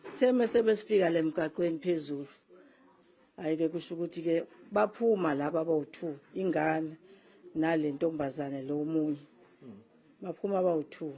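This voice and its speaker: A woman's voice: low voice, normal speed, mellow, husky. An older woman from South Africa giving a spoken account of events as a relative. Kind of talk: spoken eyewitness-style account.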